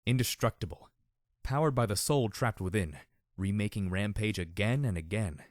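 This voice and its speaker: Low-voiced man reading a story. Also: moderate pace, no echo, studio quality. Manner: steady first-person narration. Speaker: narrator. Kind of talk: audiobook reading.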